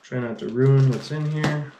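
A man's voice: mid-range voice, normal speed, reverberant, heavy background noise. A man in his thirties hosting a casual fishing unboxing vlog, talking in a laid-back, rambling way. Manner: laid-back, rambling, says "freaking" a lot. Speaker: fishing channel host. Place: small indoor gear room.

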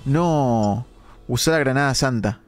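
A young man, hoarse from a sore throat, giving animated live-stream gameplay commentary with dramatic outbursts. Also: medium pitch, measured pace. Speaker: gaming streamer.

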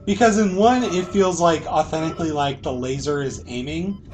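A man with a slightly high voice gives casual gameplay commentary. He swears freely as he plays, with game audio and music faintly behind him. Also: moderate pace. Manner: frequent swearing. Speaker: gamer commentating on own playthrough.

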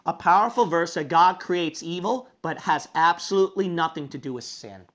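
A man's voice: a little high, normal speed, a bit bright. A man preaching a sermon, reading scripture aloud and pressing his points with repeated rhetorical questions. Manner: emphatic, fires rhetorical questions at listeners; reads scripture aloud in King James wording. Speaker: Bible preacher.

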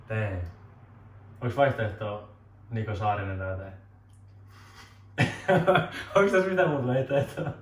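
A man in his twenties as a guest giving deadpan mock answers in a casual joking interview, often cracking up, in a small room. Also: mid-range voice, long pauses. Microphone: camera mic from a distance. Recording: roomy distant camera audio.

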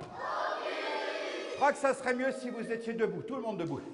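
A man's voice: very high voice, animated, normal speed. An older man performing a children's clown show, silly, exclamatory and playfully muddled, addressing his young audience. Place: large school hall, on stage. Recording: echoey hall, children's crowd noise.

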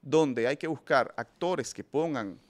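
Addressing his audience directly, this film review host gives emphatic, opinionated takes in a casual style, often starting sentences over. He speaks in a mid-range, expressive voice at a measured pace.

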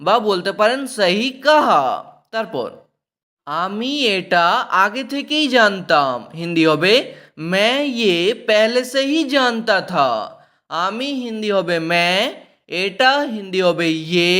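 A man's voice: high-pitched, bright, forceful tone. A man giving a language lesson, going through phrases word by word and often checking that the listener is following. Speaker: language teacher.

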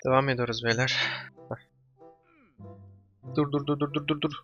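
A man hosting a let's play, coaching himself in repeated murmured words, then bursting into yells and curses. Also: mid-range voice, fairly even intonation, moderate pace, dull audio, faint music behind. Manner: sudden yelling and cursing outbursts. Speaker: gaming channel host.

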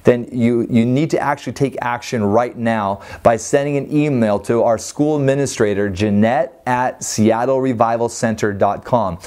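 A man's voice: mid-range voice, a little mellow. A man in his thirties, a ministry school leader, urging viewers earnestly to take action in a promotional talk to camera. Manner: earnest, urging, gestures while talking. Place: indoor living-room style set. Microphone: lapel mic.

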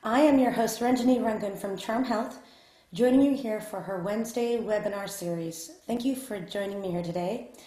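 A woman's voice: mid-range voice, normal speed, dark tone, roomy sound. A woman hosting a webinar, introducing the speaker in a polite, formal way with frequent fillers. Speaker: webinar host.

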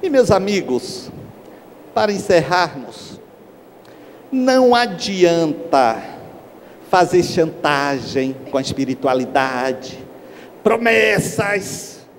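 A man's voice: on the high side, slow, pauses often. A middle-aged man giving a spiritual lecture on a stage, telling stories and acting out the people in them. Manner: lively storyteller, acts out characters. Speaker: spiritist speaker. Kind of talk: lecture with acted anecdotes. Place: large hall on a stage. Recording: echoey hall, faint background hiss.

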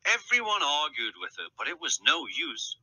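A man narrating a storybook tale in an expressive, unhurried reading. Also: a little high, slightly rough, dry recording, low-quality recording.

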